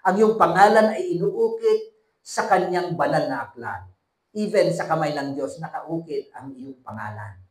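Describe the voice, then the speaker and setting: A man preaching a sermon as pastor, calling out to the congregation and swinging between hushed and emphatic delivery. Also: on the high side, animated, moderate pace, echoey room, rough recording. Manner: preaching with call-and-response to the congregation.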